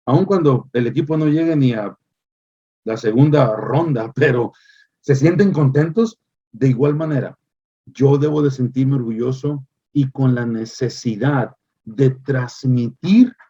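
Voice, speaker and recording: Warm husky-voiced male pastor preaching. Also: mid-range voice, muffled recording. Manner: emphatic preaching with repeated phrases and hesitant "eh" fillers. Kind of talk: sermon.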